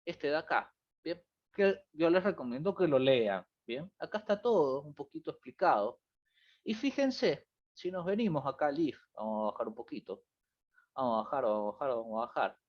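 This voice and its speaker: A man's voice: fairly high pitch, animated, normal speed. A man teaching a programming review class online, walking students through examples and checking in with them often. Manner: explanatory, repeats "fíjense" and "¿bien?". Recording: muffled lo-fi stream audio.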